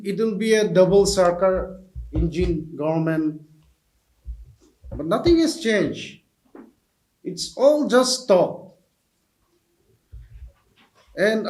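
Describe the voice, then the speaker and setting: A man giving an emphatic press conference statement, repeating rhetorical questions. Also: sits high. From Nagaland, India. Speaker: opposition party politician. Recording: echoey room.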